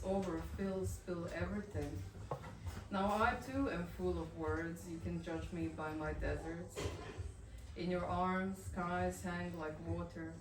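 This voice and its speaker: At a café venue, a woman poet from Bosnia reads her work and speaks brief introductions in a lowish, soft voice, not in English, stumbling a little with fillers between poems. She is a native speaker of Bosnian-Croatian-Montenegrin-Serbian. Echo fills the roomy café, her voice comes from far off, and noise runs underneath.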